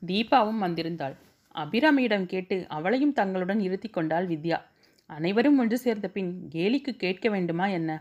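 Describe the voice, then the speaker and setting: A woman's voice: medium pitch, animated, normal speed, a little mellow, highs cut off. A woman reading a novel aloud as an audiobook, giving the characters' dialogue small voice shifts. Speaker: storyteller.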